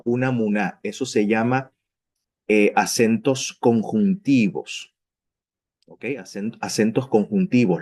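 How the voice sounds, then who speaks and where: A man's voice: on the low side, darkish tone. A man teaching a Bible lesson, explaining grammar step by step, often stopping to check understanding and correcting himself along the way. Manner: frequent fillers and self-corrections.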